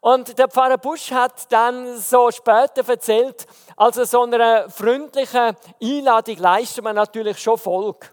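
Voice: medium pitch, steady tone, unhurried, in a large hall. A preacher with a Swiss German accent gives an evening sermon, telling stories and asking rhetorical questions with emphasis.

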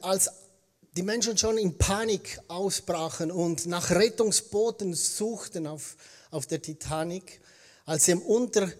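With a high, slightly mellow voice, a Swiss German man from eastern Switzerland speaks as a guest pastor, preaching in standard German with his Swiss accent. He narrates stories casually and corrects himself as he talks.

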